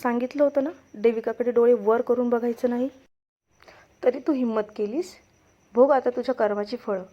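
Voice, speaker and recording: A woman voicing a swaggering young male hero who shouts threats at a villain. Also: fairly high pitch, steady tone, moderate pace, lo-fi sound, natural voice. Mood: angry. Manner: loud, menacing.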